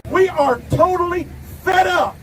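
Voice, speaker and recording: A middle-aged man from Ohio giving a defiant rally speech outdoors, shouting at times. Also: very high voice, a little slow. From Ohio, USA. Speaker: rally speaker. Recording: distant mic, crowd and street noise.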